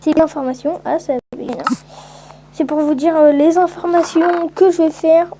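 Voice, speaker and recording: A woman's voice: very high-pitched, level tone, normal speed, warm tone, slight background noise, poor audio. A woman giving casual, rambling let's-play commentary with lots of hesitant fillers. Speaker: gameplay commentator.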